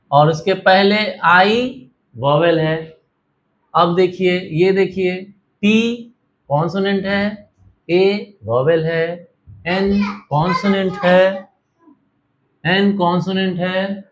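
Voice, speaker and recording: A man's voice: high-pitched, dull audio. A man teaching an English grammar lesson, explaining step by step and mixing Hindi with English.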